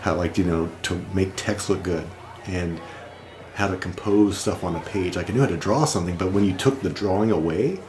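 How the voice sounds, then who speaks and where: A man's voice: low-pitched, brisk. A man talking casually as an interview guest, reflective and rambling with restarts. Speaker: guest designer. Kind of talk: casual conversation.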